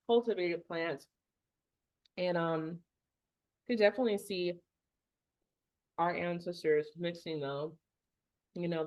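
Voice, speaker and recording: A woman's voice: lowish voice, lo-fi sound. A woman with a New Jersey accent co-hosting a casual online gathering, chatting and thinking aloud over a video call. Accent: New Jersey, Northeastern US. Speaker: gathering co-host.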